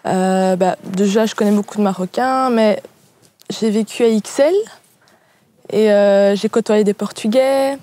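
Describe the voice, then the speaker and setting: A woman from France answering interview questions hesitantly, with many pauses and fillers. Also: medium pitch, dark tone, dry recording.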